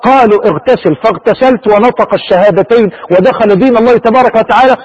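A man's voice: high-pitched, fast talker, breathy edge, muffled recording. A man preaching a sermon with impassioned delivery and rhetorical questions.

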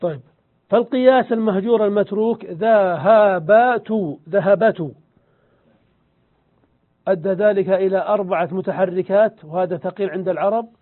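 A man giving a grammar lesson, explaining slowly and deliberately, repeating examples and answering his own questions. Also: sits high. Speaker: Arabic grammar teacher. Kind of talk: lecture. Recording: tinny phone-like sound.

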